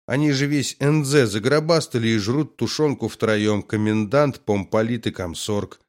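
A man's voice: mid-range voice, moderate pace, close to an everyday voice. A man voicing an angry worker who mockingly accuses his bosses of theft. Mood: accusing. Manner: shouting, mocking.

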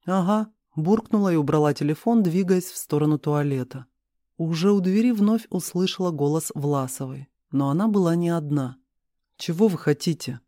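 Man reading a story with a mellow, dry voice. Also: a little high, moderate pace, dry recording. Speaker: audiobook reader. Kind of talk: reading a first-person novel aloud.

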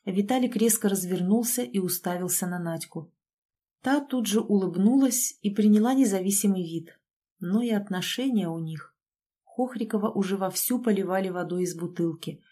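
A woman narrating a first-person audiobook story in a brisk, wry manner, voicing the dialogue herself. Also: mid-range voice, warm tone.

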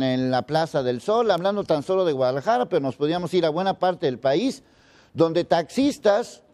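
A man's voice: fairly high pitch, dark tone. A man giving indignant news commentary, repeating pointed rhetorical questions.

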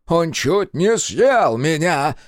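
A cowardly, self-pitying commander, as a male narrator plays him, whining in a raised, strained voice. He drags his complaints out slowly. It is read as a storybook scene. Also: fairly high pitch, big pitch swings, no room sound, clean studio sound, pitched above the performer's own voice.

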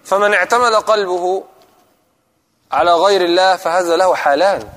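A man's voice: sits high, normal speed, a bit bright, long reverb tail. A man giving a religious lesson, who puts questions to his listeners and repeats his key points. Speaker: preacher.

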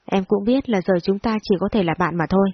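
A woman's voice: medium pitch, quick pace, slightly rough, dry recording, lo-fi sound, lightly acted. A woman voicing a stern young male director. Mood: firm.

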